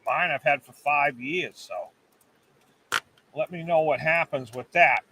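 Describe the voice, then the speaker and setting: Chatty high-voiced man on a live stream. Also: slow pace, distant mic, a little hiss or hum, low-quality recording. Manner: chatty, animated, reads viewer comments aloud. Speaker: livestream host. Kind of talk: casual live chat with viewers. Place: cabin.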